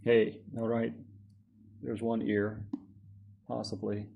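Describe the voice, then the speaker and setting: A man's voice: on the low side, monotone, takes it slowly, creaky, husky, phone-quality sound. A man casually narrating a hot-glue craft project, rambling and correcting himself as he works. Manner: rambling, self-correcting, chuckles at own jokes. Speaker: craft vlogger.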